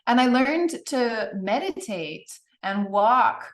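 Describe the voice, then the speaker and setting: A woman's voice: a little high, animated, slow pace. A woman from the United States moderating an online panel over a video call, welcoming each speaker. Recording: roomy, distant from mic.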